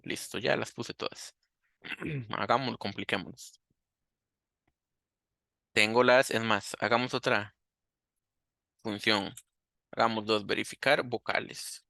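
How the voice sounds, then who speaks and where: A man's voice: lowish voice, fairly even intonation, takes it slowly, vocal fry, pauses often, bright, forceful tone, no room sound, studio quality. A man teaching a coding lesson, thinking aloud and asking himself questions as he works. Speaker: programming teacher. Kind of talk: screen-recorded coding lesson.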